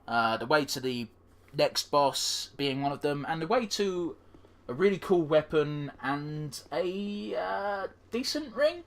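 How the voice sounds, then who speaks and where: His voice is a little high and sing-song, and he takes things slowly. He's a congested gaming commentator offering casual, swear-heavy let's-play commentary that trails off with fillers.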